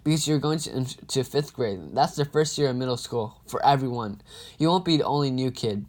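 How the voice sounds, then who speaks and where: A man's voice: mid-range voice, expressive, a little fast, a little mellow, lightly acted. A man reading a storybook aloud and voicing a caring mother with a soothing, reassuring manner. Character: gentle caring mother, a woman.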